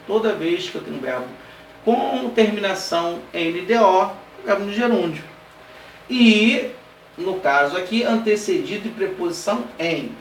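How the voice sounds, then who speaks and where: Brazilian-Portuguese-speaking male teacher, echoey room. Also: sits high. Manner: explains step by step, checks in often with "tá?" and "ok?"; spells out examples slowly, word by word. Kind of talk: exam-prep grammar lesson. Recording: roomy classroom sound, heard from a distance, light background noise.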